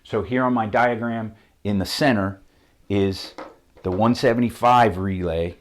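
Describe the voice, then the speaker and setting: A man with a Southern accent, a mechanic walking through a technical how-to at a whiteboard in a methodical, plain-spoken way. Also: on the low side. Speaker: auto mechanic instructor. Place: shop with a whiteboard.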